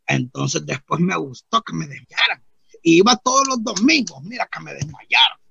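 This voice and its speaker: A naive, rambling rustic churchgoer, as a man puts him on in a comic monologue, speaking with a gravelly, husky voice pitched a bit high. He keeps looping back with "mire" and acts out the other voices in his tale. The recording is dull and lo-fi, and the room sounds dry. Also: animated, moderate pace, bright, forceful tone, full character voice.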